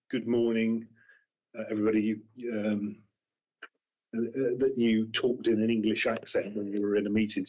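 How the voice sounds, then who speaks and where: A man's voice: medium pitch, darkish tone, husky. A man on a council committee, questioning a colleague and restarting his questions as he searches for words. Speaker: committee member. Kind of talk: formal questioning. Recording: dull lo-fi meeting room audio.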